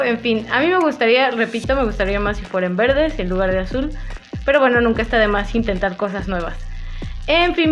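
A woman with a Mexican accent chatting casually and playfully to her viewers while doing her makeup, laughing often. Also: on the high side. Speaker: makeup vlogger. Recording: dull lo-fi with faint music.

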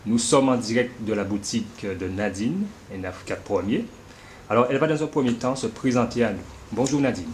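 A man's voice: medium pitch, a little fast, a little hiss or hum. A man interviewing a guest, prompting her in a friendly, casual way and tagging his questions with short fillers.

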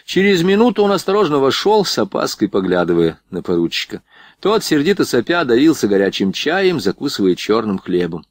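A male audiobook narrator reading with expressive, animated intonation. The recording is dry and close, with no room sound. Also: mid-range voice, brisk, no room sound. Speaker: audiobook reader.

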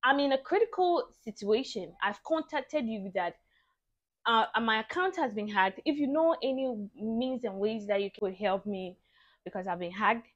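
A young Ghanaian woman vlogger telling a story to camera in a casual, animated and exasperated way. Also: on the high side, normal speed. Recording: dull lo-fi audio.

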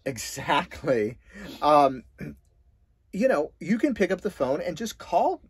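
A man's voice: fairly high pitch, very animated, slow pace, slightly rough. A middle-aged man co-hosting an RV travel show, explaining options steadily in casual chat with plenty of ums and uhs. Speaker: co-host of an RV travel channel. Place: small indoor room in front of a green screen.

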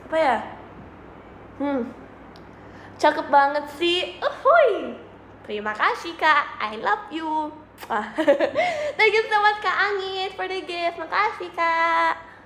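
A young woman on a casual livestream, her voice high and unhurried. She is playful and giggly and drops English phrases into her chat. The small room leaves a roomy echo and a faint hiss behind her. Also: big pitch swings, a bit bright. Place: small indoor room, seated at a desk. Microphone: phone or webcam in front of her.

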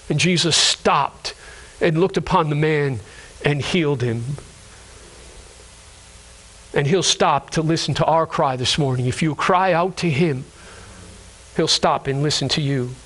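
A man preaching a sermon with passion, swinging from high cries down to low, slow lines and often repeating himself. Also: a bit bright. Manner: impassioned, rising to high cries then dropping low and slow; repeats and restarts words while preaching.

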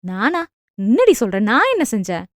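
A woman voicing an anxious, talkative middle-aged mother who scolds quickly and defends herself. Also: a little high, wildly swooping pitch, no echo, studio quality. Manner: fast, fretful, scolding.

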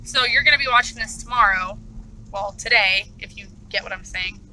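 A woman's voice: mid-range voice, a little fast, bright, forceful tone, a little hiss or hum, low-quality recording. A woman hosting a casual vlog from a car, chatting to viewers while eating with her mouth full. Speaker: vlogger host. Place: inside a car on the road.

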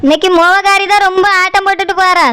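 A woman voicing a shrill, bossy village mother-in-law. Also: steady tone, quick pace, bright, forceful tone, faint music behind. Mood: scheming. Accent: Tirunelveli Tamil. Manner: scolding, quarrelsome. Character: sharp-tongued scheming village mother-in-law. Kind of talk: cartoon dialogue.

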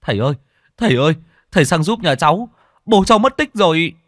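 A man's voice: on the high side, animated, moderate pace, fairly bright tone, dry recording, studio quality, voice pushed up. A man voicing a frightened young village man who talks urgently, out of breath. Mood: anxious.

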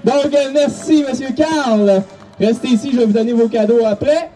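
A man's voice: very high-pitched, moderate pace, mellow, recorded from a distance, soft background music. A man announcing over the stadium PA at a football game, calling contestants and hyping the crowd.

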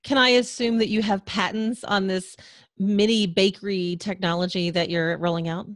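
A woman in her forties hosting, asking prepared interview questions clearly into a studio microphone. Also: medium pitch, steady tone, moderate pace, no room sound. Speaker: interviewer host. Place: home studio. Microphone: large studio condenser mic.

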